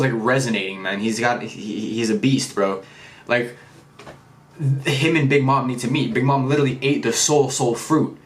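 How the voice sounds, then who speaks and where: Slangy, excitable young man vlogging. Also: mid-range voice. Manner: slangy, excitable, swears freely. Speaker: anime and manga reviewer. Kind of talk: casual vlog chat. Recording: roomy echo.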